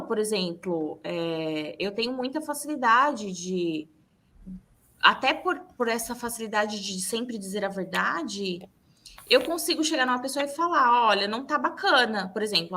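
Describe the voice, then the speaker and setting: A woman's voice: mid-range voice, normal speed. A Brazilian woman hosting a podcast in casual chat, telling candid stories and acting out what people said. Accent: Brazilian Portuguese. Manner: candid, animated storytelling with acted-out quotes. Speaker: podcast host.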